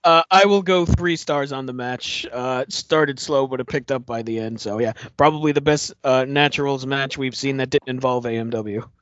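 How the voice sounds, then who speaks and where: A man's voice: medium pitch, normal speed, hardly any pauses, fairly bright tone, no room sound, highs cut off. A man guesting on a casual podcast chat, with dry, sarcastic remarks.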